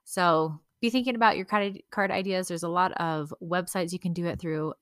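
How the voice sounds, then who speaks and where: A woman's voice: fairly low pitch, steady tone, normal speed, fairly bright tone, no room sound, studio quality. A woman in her thirties, a mother of several kids, hosting a casual solo podcast and sharing practical tips in a chatty way with small laughs. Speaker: podcast host.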